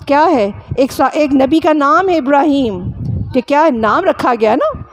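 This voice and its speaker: Teacher lady from pakistan, high voice, keeps repeating sounds and quizzing the class. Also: lively intonation. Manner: drills students with repeated sounds and quick questions. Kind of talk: classroom grammar lesson.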